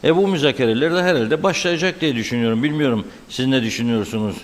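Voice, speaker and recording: A man's voice: medium pitch, quick pace. A male host interviews a guest; his voice rings with a strong cave-like echo. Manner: questioning, reflective. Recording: echoey, long-reverb remote connection.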